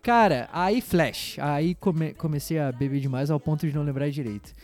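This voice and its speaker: Young guy podcast cohost, bit high voice, animated slangy storytelling, faint music under it. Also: normal speed. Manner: animated storytelling, slangy, swings loud and soft. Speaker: podcast co-host. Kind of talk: casual chat.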